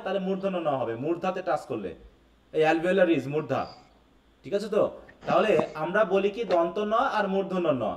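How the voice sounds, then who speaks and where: A man's voice: sits high, a little mellow, recorded from a distance. A man teaching a live class, often checking in with students and using English terms. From Bangladesh. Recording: echoey room, away from the mic.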